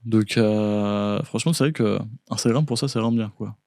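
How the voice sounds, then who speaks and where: A man's voice: lowish voice, normal speed, darkish tone, dry recording. A man co-hosting a podcast in casual chat, upbeat and encouraging, full of tag words. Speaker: podcast co-host. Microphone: studio podcast mic. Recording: dry close podcast studio sound.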